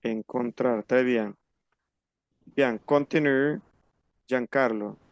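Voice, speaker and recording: A man teaching a French class over a video call, patiently slowing down to model pronunciation. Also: mid-range voice, highs cut off. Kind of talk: online class instruction.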